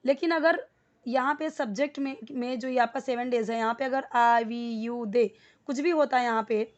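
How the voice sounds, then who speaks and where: A woman teaching spoken English in Hindi, explaining grammar step by step and repeating words slowly for learners to copy. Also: a little high. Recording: dull lo-fi recording.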